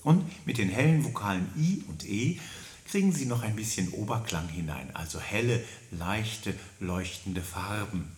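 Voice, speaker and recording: A man leading a singing warm-up lesson, coaching listeners and demonstrating syllables and vowels in a high falsetto. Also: expressive, moderate pace, reverberant. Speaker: singing teacher.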